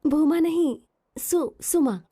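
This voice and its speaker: An actress dubbing a young female medical student who is proud and quick to take offence. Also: sits high, big pitch swings. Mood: shy. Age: young adult. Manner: earnest, then hurt and sharp. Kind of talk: film dubbing.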